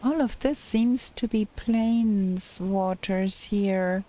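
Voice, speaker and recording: A woman streamer giving casual gameplay commentary, thinking aloud in a slow, hesitant way, her voice cracking because she is unwell. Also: medium pitch, dark tone, lo-fi sound. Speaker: game streamer.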